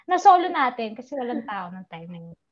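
A woman's voice: on the high side, no room sound, highs cut off. A young woman chatting casually as a vlogger, laughing often and mixing English into her talk. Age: young adult. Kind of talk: casual chat.

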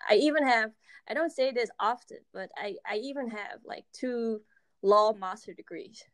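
A young Dutch woman with a Dutch accent chats casually as a podcast guest, a software developer who hesitates with many ums and laughs often. Her voice is on the high side and a bit bright, at normal speed, with no room sound.

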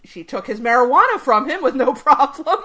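A woman's voice: high voice, expressive, fairly quick, bright, forceful tone, slightly rough. Woman, podcast co-host, casual chat, rambling. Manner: rambling, many restarts.

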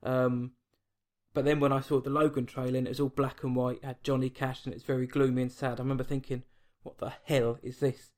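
Speaking fast with a level tone, an English film podcaster chats with a guest via online call from his home late at night. His mid-range voice is a little mellow, and his manner is chatty and self-deprecating, with restarts.

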